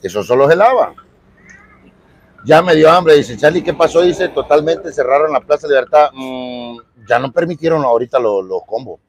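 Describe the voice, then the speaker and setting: A man's voice: a little high, lively intonation, normal speed, slightly rough. A man with a Salvadoran Spanish accent livestreaming from a city street, chatting with viewers and greeting them by name. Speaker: livestream vlogger. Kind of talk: casual live street stream.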